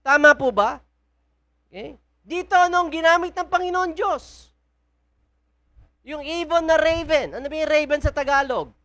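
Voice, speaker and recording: A woman's voice: sits high, moderate pace, long pauses, fairly bright tone. A woman with a Filipino accent preaching a sermon in a church, often asking the congregation questions. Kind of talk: sermon mixing Tagalog and English.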